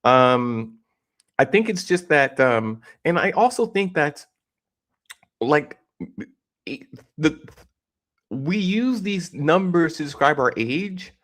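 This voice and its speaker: A man's voice: a little high, lively intonation, slow, pauses often, a bit bright. Rambling, opinionated man in his forties. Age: 40s. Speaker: reaction video host. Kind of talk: casual reaction commentary.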